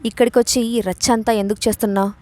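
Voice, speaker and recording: A woman's voice: fairly high pitch, fairly even intonation, quick pace, warm tone, natural voice. A woman reading the part of a bold young woman boss in an audio story, with a mocking, commanding way of talking. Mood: taunting.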